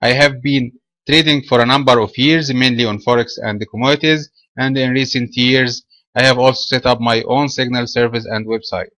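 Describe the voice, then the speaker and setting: A man from Egypt presenting a trading webinar in a measured, explanatory way. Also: mid-range voice, fairly bright tone, no room sound.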